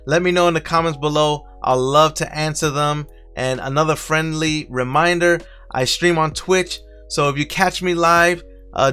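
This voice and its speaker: A man with a Brooklyn accent hosts a relaxed how-to for streamers. His voice sits a bit high, and his tone is friendly and chatty as he explains each step. Soft music plays quietly behind him. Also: clean tone. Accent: Brooklyn New York. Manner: friendly, talks viewers through each click. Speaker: streaming tutorial host. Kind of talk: casual step-by-step software tutorial.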